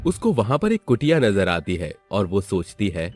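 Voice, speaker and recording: A man narrating a storybook tale in an expressive, scripted way. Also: on the low side, normal speed, soft background music.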